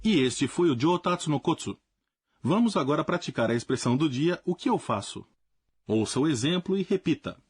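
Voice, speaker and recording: A man teaching a language lesson in a clear, explanatory scripted narration. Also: on the high side, lively intonation, normal speed, dry recording.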